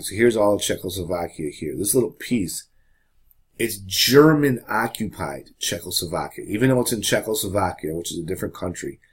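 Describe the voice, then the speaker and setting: A man teaching a high school history lesson in a casual, chatty way, often checking in with the class. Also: slightly rough. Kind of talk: classroom lecture.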